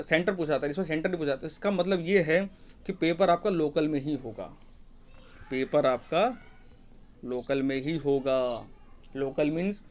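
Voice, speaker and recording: Fast-talking Hindi explainer man. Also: on the high side. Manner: repeats "ठीक है ना" often, advising and reassuring. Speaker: exam guidance teacher. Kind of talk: informal Hindi explainer for job aspirants.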